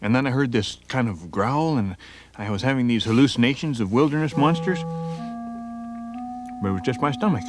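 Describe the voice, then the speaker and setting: A man's voice: medium pitch, lively intonation, fairly quick, pauses often, music in the background. A man hosting a nature show from a lakeside campsite, chatting playfully and straight to the viewer. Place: outdoors at a campsite by a lake.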